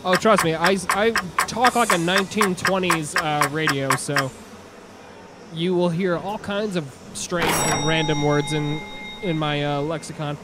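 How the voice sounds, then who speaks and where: A man's voice: a little high, fairly even intonation, measured pace, heavy background noise. A man streaming a video game, chatting casually in a rambling, profane, self-mocking way. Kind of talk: casual live-stream chat.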